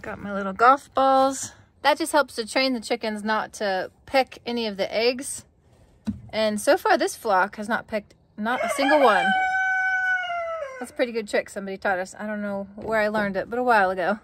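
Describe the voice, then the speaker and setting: A woman's voice: on the high side, normal speed, background noise. A woman in her thirties with an American accent, chatting cheerfully in a casual vlog outdoors by a chicken coop. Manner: cheerful, playful with the animals. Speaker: homesteader, co-host.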